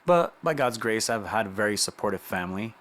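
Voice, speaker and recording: Speaking briskly with lively intonation, this vlogger has a lowish, slightly bright voice. He's a middle-aged man from Romania, brought to the US at age nine, telling his story conversationally and peppering it with "you know" and rhetorical questions to engage the listener.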